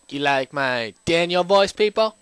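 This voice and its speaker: Loud, excitable man commenting on a game. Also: fairly high pitch, normal speed. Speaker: let's play host. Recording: loud game music behind.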